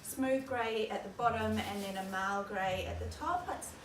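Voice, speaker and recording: With a crowd audible behind her, a young woman with a New Zealand accent demonstrates a stroller in a baby store at normal speed, her pitch medium. She chats casually, saying um often. The distant camera mic makes the recording roomy and noisy.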